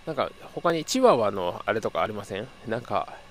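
A man's voice: lowish voice, big pitch swings, a little fast, a little hiss or hum. A young man from Kyoto with a slight Kansai intonation, hosting a casual solo podcast and talking in a rambling way, correcting himself and chuckling. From Kyoto, Japan. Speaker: podcast host.

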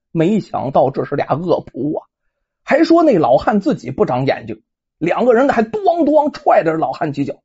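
A woman's voice: mid-range voice, mellow, slightly rough. A woman telling a folk tale in a chatty, colloquial way, full of asides and rhetorical questions. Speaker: storyteller. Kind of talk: colloquial oral storytelling. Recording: dull lo-fi recording.

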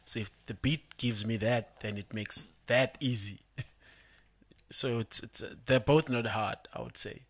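A man's voice: mid-range voice, unhurried. A man, a rapper talking casually about his songs in a podcast studio, often laughing and repeating words as he explains. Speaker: rapper guest. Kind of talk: casual interview chat.

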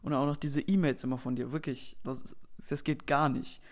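A man's voice: medium pitch, takes it slowly. A man playing an annoyed young man who hates phone calls, stammering through exasperated complaints. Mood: irritated.

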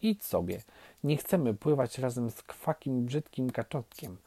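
A man voicing mean young ducklings who tease in a high, mocking quack. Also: lively intonation, measured pace, dark tone, a little hiss or hum.

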